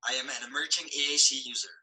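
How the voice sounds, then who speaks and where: A man's voice: mid-range voice, fast talker, poor audio. A young man in his twenties speaking as an audience member through a speech device, which plays the same stock phrases again and again. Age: 20s. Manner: flat, repeated stock phrases.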